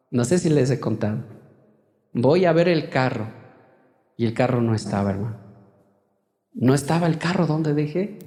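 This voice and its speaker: A man preaching a sermon as a pastor, calling out questions to his congregation and rising to loud, emphatic stretches. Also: on the high side. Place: church hall. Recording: echoey church hall with long reverb.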